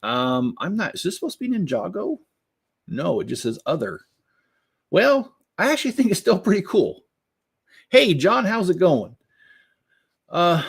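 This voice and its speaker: A man's voice: fairly high pitch, vocal fry, husky. A man hosting a Lego vlog, chatting casually and a little sarcastically while he builds and weighs up new sets. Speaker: Lego channel host.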